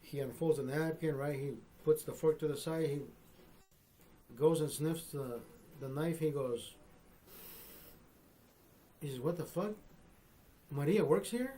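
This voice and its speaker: A man's voice: on the high side, unhurried, pauses often, dark tone, slight background noise. A man in his fifties hosting a live stream, telling a long dirty joke in loose, profane casual talk, often laughing and adding "bro" and "right?". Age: 50s. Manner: laughs often between lines.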